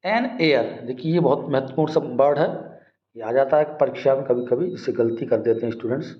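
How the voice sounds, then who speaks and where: A man's voice: mid-range voice, fairly quick. A man teaching English grammar in a lesson, explaining step by step, asking questions back and repeating words. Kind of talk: classroom-style grammar lesson. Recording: echoey room, dull lo-fi sound.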